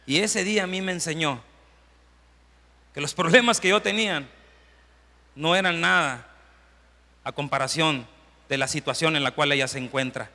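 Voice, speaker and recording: A man preaching a sermon, his voice high and gravelly with a sharp, bright tone. He acts out quoted prayers and climbs into impassioned shouting. A long reverb trails after his words, recorded in a church hall. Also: normal speed, long pauses.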